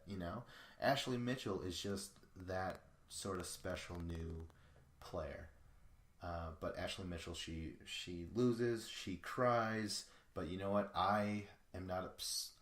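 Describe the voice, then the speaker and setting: A man with a deep, low voice talks loosely and profanely, rambling and chuckling as he hosts a solo podcast recap. The sound is roomy, with his voice echoing off the walls. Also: a bit bright. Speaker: podcast host. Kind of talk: casual solo recap of a reality show. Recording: echoey room.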